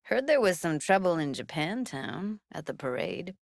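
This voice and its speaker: Gravelly and on the low side, her voice has a sing-song lilt at a normal speed, captured cleanly in the studio without echo. The actress plays a tough, guarded young woman techie in a cyberpunk video game. Her isolated, naturalistic lines come out matter-of-fact, in casual, clipped slang with a wry edge.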